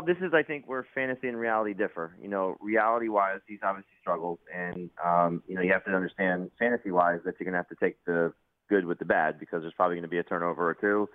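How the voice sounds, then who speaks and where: A man's voice: deep voice, no echo. A man giving casual sports analysis as a fantasy football analyst, over a narrow phone-like line. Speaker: fantasy football analyst, regular radio guest.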